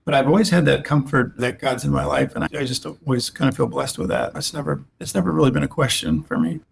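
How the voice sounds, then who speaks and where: An animated, medium-pitched male voice comes through quickly, creaky and with a breathy edge. Now in his sixties, the Alaska-raised orthopedic spine surgeon muses on earlier years as an interview guest, his speech rambling with repeated words and many restarts.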